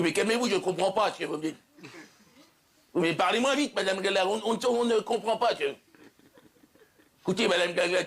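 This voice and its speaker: A man's voice: high voice, vocal fry. A man playing an exasperated middle-aged doctor on a night call, chatty and impatient, talking over everyone in a one-man comic sketch.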